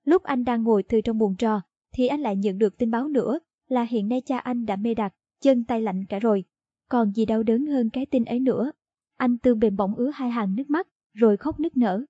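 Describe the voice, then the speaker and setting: A woman reading a short story aloud in a steady storytelling narration. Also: a little high, a little fast, husky, no echo. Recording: dull lo-fi dry audio.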